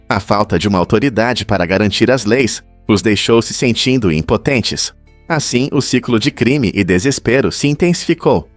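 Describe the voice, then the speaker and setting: A man reading a scripted list of facts as a narrator, in an even, explanatory way that asks the listener rhetorical questions. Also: on the low side, dry recording. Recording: dry voice-over with faint music behind.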